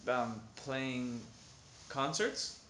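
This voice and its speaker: Slow, careful man in an echoey room. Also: medium pitch, bright, forceful tone. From Canada. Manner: slow, careful and hesitant, with many ums. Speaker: singer answering questions. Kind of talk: slow, simple interview answers. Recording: echoey room with faint noise.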